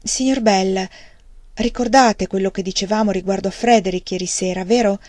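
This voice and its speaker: A woman's voice: mid-range voice, steady tone, normal speed, a little mellow, no room sound, close to an everyday voice. A woman reading the lines of an earnest, troubled young woman who speaks in a pleading, sincere way. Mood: hesitant.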